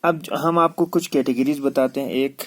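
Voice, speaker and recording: An English teacher with a mid-range, steady voice gives a classroom lesson at a moderate pace. He spells words out letter by letter and repeats each one several times.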